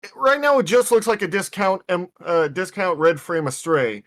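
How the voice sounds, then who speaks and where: A man's voice: high voice, normal speed, fairly bright tone. A man speaking as a podcast guest, blunt and critical, repeating phrases for emphasis. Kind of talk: casual chat.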